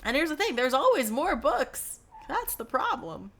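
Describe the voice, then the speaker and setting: A woman's voice: high-pitched, very animated, moderate pace, a bit bright. A young woman streaming from her dorm room, talking in a loose, rambling way. She fills her sentences with likes and uhs and swears offhandedly while she plays a game. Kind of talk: casual live-stream chat while gaming.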